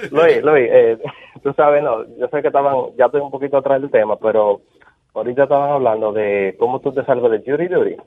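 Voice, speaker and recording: A man's voice: mid-range voice, brisk. A man calling a radio show, chatting casually and familiarly in slang, with hesitant starts. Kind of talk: casual call-in chat. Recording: muffled lo-fi telephone call.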